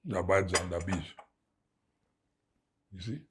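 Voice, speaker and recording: A man's voice: low voice, takes it slowly, slight background noise. A middle-aged man with a Kenyan English accent, a guest in an interview, telling a story with sound effects and Swahili words mixed in. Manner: animated storyteller who mimics sounds and drops Swahili words.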